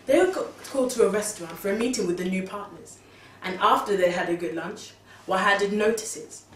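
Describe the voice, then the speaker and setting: An actress playing a young married, pregnant woman, animatedly recounting events to her mother, at times exclaiming and at times hushed. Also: medium pitch, brisk, close to an everyday voice. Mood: worried. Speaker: daughter confiding in her mother. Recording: distant, roomy sound with faint background noise.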